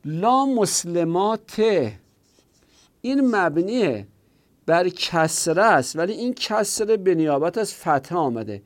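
A man with a somewhat high voice teaching a grammar lesson. He asks questions and answers them himself, and he goes over the examples slowly and more than once. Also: lively intonation.

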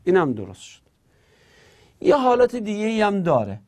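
A man's voice: sits high, huge pitch swings, darkish tone. A man teaching Arabic grammar in Persian, spelling words out syllable by syllable and adding playful asides. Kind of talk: classroom lesson.

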